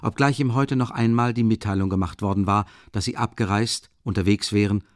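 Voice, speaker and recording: A man narrating a literary audiobook in a measured, calm and deliberate way, recorded in a studio. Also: lowish voice, no room sound.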